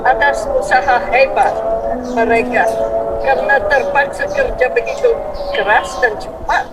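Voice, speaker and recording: An older woman with a foreign accent speaks stiff, halting Indonesian as a non-native. Her voice sits fairly high and she takes her time, giving a semi-formal speech. Loud music plays along behind her. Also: poor audio. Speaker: author and translator speaking at a book discussion. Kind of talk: prepared thank-you speech, semi-formal.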